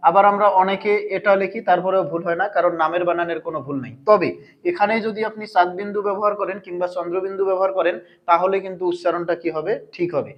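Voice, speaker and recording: A man's voice: sits high, fairly even intonation, fast, muffled recording. A man teaching a language lesson, asking his viewers questions and answering them himself. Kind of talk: explanatory grammar lesson.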